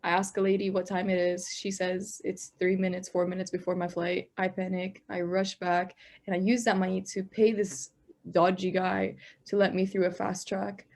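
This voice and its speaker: A young woman from Palestine, a law student, giving an interview. She tells a story with animated, acted-out dialogue for both sides. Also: on the low side, moderate pace. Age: young adult.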